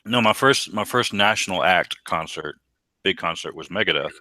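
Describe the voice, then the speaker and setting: Deep-voiced man telling rambling stories. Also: expressive, moderate pace, bright, forceful tone, dry recording. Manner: rambling storyteller, many ums and restarts. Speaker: podcast co-host. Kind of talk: casual chat.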